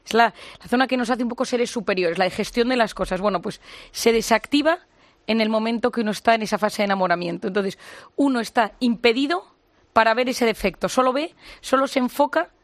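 A woman talks it through as a psychologist, her voice sitting fairly high. She leans on everyday examples and acts out short quotes. The sound is dry and close, with no room around it. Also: brisk, no room sound. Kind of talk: radio-style conversation.

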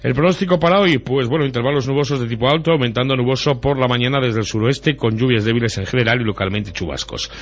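A man's voice: mid-range voice, fast talker, few pauses, slightly rough. A man presenting news and weather on local radio in a conversational way. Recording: dull lo-fi radio audio.

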